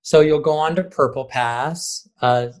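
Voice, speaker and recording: A man speaks a little slowly, answering interview questions in a conversational way as a high school theater director and repeating words to stress his points.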